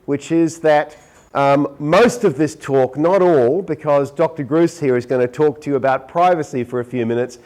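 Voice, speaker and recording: A man's voice: a little high, normal speed, hardly any pauses, mellow, rough recording. Chatty Australian man giving a talk. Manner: chatty, joking, with asides. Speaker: conference presenter. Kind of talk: conference talk.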